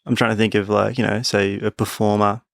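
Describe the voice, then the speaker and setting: Aussie bloke on a sports podcast, gravelly voice, dry close mic, thinks out loud. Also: male voice, lowish voice, level tone, fairly quick, no echo. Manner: thoughtful, musing, laughs easily. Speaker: podcast co-host. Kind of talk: casual chat.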